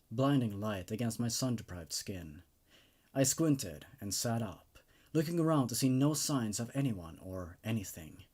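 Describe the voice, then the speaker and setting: With a lowish, somewhat dark voice, a man reads horror stories aloud in a dramatic, emphatic style. As host, he also shares his opinions in a relaxed, enthusiastic review.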